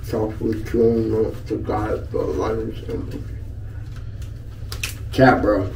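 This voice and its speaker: A man's voice: on the low side, flat delivery, takes it slowly, vocal fry, a little mellow, slight background noise. A man talking casually with his hand over his mouth, loose and profane, in an unboxing vlog. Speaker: vlogger. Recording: echoey room, mic at a distance, music behind.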